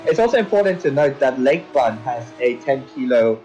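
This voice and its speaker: A man from India doing casual commentary on an online racing event as the host, chatty and quick to laugh. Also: medium pitch, big pitch swings, mellow, lo-fi sound, slight background noise. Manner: chatty, laughs often, addresses co-host as mate. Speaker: race commentator.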